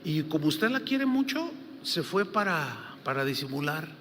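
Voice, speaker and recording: A man's voice: a little high, big pitch swings, unhurried, fairly bright tone. A man playing a distressed, tearful woman from his congregation, pleading anxiously, in a preacher's retelling. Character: tearful distressed church sister, adult woman. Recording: hall reverb, faint noise.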